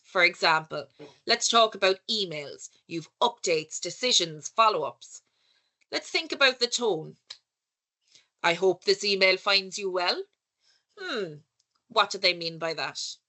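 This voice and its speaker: With an Irish accent and a bright, pushed, medium-pitched voice, a woman leads a workshop in the style of a conversational conference talk. She poses rhetorical questions and corrects herself along the way.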